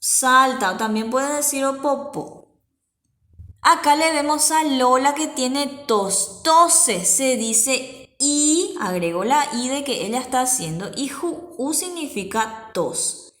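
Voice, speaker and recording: A woman's voice: high voice, expressive, slow pace, a bit bright, reverberant. A woman teacher gives a patient children's language lesson, repeating words for practice.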